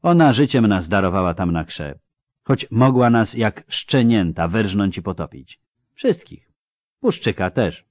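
A weary mercenary, as a male reader puts him on, murmurs in a low, sombre voice. He sounds tired and resigned. The tone is close and dry. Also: lively intonation, a little slow, a little mellow, no room sound. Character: grave, weary male mercenary, quiet-spoken.

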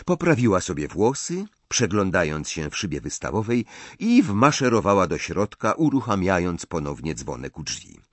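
A man narrating an audiobook with expressive storytelling. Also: low voice, moderate pace, dry recording. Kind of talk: scripted narration.

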